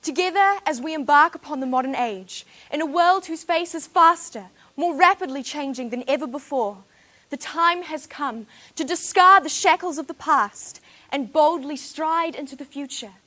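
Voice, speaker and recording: Speaking at a moderate pace in a high-pitched, pushed and bright voice, a New Zealand teenage girl with a local accent competes in a formal speech contest. She leans on rhetorical, dramatic emphasis.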